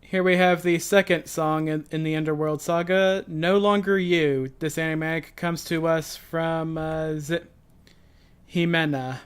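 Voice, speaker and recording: A man's voice: on the high side, fairly even intonation, a little slow, clear, resonant tone. A man hosting a casual reaction chat, explaining background at length with frequent fillers and restarts. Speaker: reaction show host.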